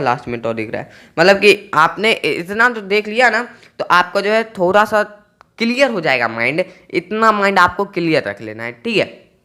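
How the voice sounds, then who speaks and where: Man, bright voice, teacher, repetitive explanations, spells out letters. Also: high-pitched, clear, resonant tone. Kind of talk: explaining English pronunciation to students.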